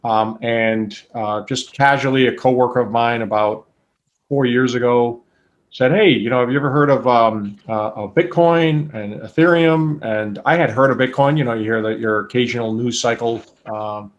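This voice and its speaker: A man's voice: medium pitch, normal speed, muffled recording. A man in his forties, born in Colombia and raised in New England, talking through his career in a thoughtful, methodical way. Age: 40s. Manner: thoughtful, methodical, with frequent restarts and fillers. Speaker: guest, engineer. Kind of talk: casual interview.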